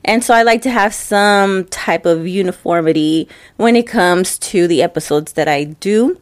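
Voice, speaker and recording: A young podcast host talks on her own in relaxed, meandering chat, sounding stuffed up from allergies. She speaks at a moderate pace in a fairly low voice, with no room sound. Her breathing is audible on the close mic.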